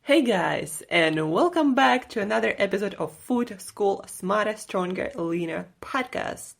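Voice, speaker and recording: A woman's voice: mid-range voice, animated, measured pace, gravelly. A woman hosting her own nutrition podcast, talking casually and enthusiastically, with a few slips and restarts. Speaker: podcast host and nutrition coach. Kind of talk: casual solo podcast talk.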